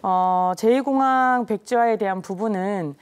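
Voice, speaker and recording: A woman with a Jeju accent, a party election co-chair, answering interview questions in a measured, formal way with many hesitant fillers. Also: medium pitch, smooth. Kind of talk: current-affairs interview answers.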